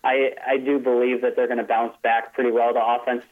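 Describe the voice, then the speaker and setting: A man's voice: medium pitch, flat delivery, brisk. A man calling in as a sports writer guest, talking casually about college football, often restarting his phrases. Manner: chatty, restarts phrases, light laughs. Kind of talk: casual call-in analysis. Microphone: telephone. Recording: phone line.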